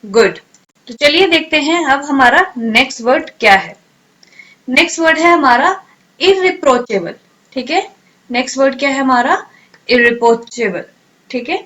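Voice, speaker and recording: A woman teaching English vocabulary in a drill lesson, asking each question and then answering it, and sounding words out slowly syllable by syllable. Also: sits high, lively intonation, a bit bright, poor audio. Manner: repeats questions and answers, slow drilled pronunciation.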